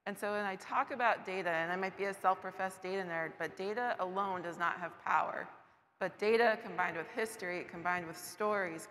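A woman, a little hoarse from losing her voice, presenting data as a panelist in an earnest, slide-by-slide way. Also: lowish voice, a bit bright, a little hiss or hum. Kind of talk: public talk. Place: large covered market shed. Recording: distant voice with long hall reverb.

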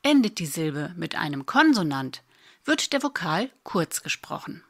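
A woman, teaching a spelling lesson in a patient, clear way with dry little asides. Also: lowish voice, big pitch swings, measured pace, fairly bright tone. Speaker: German spelling tutor. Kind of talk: slow explanatory lesson.

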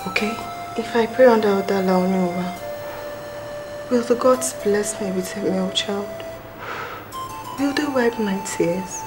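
A woman's voice: medium pitch, unhurried, pauses often, over music, lightly acted, poor audio. A woman playing an anxious, humble queen in a film drama, plaintive and pleading, with a Nigerian accent.

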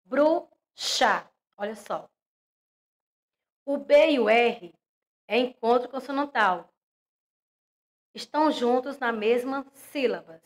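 Woman, young, Brazilian accent, primary teacher, slow delivery, fairly high voice, spells out words one by one. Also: lively intonation. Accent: Brazilian Portuguese. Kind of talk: online lesson for young children.

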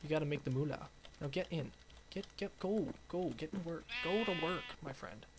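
A young man hosting a game video, chatting in an excitable, rambling way to his viewers. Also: a little high, normal speed, very noisy. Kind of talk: playful let's-play commentary.

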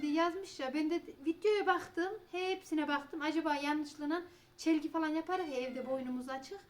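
A woman's voice: high-pitched, slight background noise. A woman, chatting casually and rambling in a home vlog, sometimes talking to her cats. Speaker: vlogger.

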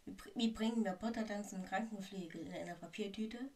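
A woman reading aloud and voicing a cold, sneering male teacher who speaks slowly and breathily. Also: medium pitch, mellow, recorded from a distance, lightly acted.

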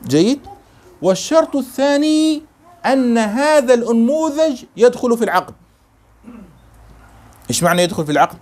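Male law teacher, reads slowly, quizzes his class. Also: very high voice, very animated, darkish tone. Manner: reads text slowly, then explains with questions to students. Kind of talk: classroom lesson explaining a text.

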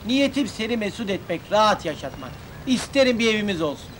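Brash street guy, fairly high voice, rough banter, hissy vintage film track. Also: sing-song, quick pace, a bit bright. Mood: tender joking. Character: streetwise working-class man, bear handler. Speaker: lead comic character. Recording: noisy old film soundtrack.

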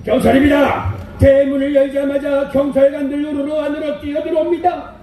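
A man with a very high, mellow voice narrates a live outdoor stage play in sing-song, declaiming byeonsa style. The sound is heavily echoing PA audio caught from far off, with faint background noise. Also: steady tone, moderate pace, soft background music.

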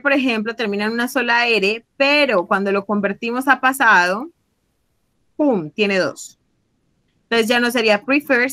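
Her voice sits fairly high, bright and forceful, though the recording is rough. She patiently teaches English grammar to Spanish speakers, moving between the two languages, stretching out example words slowly and checking in often with tag questions.

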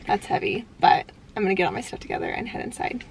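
A woman's voice: medium pitch, animated, fast talker, loud music behind the voice. A young woman, chatting casually to a handheld camera as a flight attendant vlogger. She talks in an upbeat way while she packs and moves around. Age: young adult. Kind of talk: casual vlog chat to camera. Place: home kitchen, car, airport and hotel room. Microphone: phone or camera held at arm's length.

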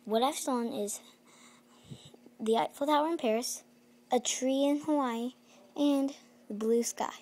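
A woman's voice: sits high, unhurried, long pauses, darkish tone. A woman voicing a boastful, scheming female art thief who gloats and cackles in a playful doll-mystery story. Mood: gloating.

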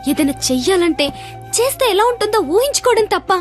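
A quiet, bookish young woman, high and gentle, film scene with score. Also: very animated, fast talker. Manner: soft, confiding, bursts into shouted insults. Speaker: shy studious college girl. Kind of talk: film dialogue. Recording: film audio with music behind.

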